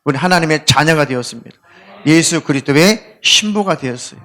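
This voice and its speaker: A male pastor delivers his Sunday sermon in a church sanctuary. His fairly high voice swings widely in pitch. He mixes earnest exhortation with humorous, acted-out asides. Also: brisk. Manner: lively, humorous preaching with acted inner voices; leads the congregation in call-and-response scripture reading. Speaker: senior pastor.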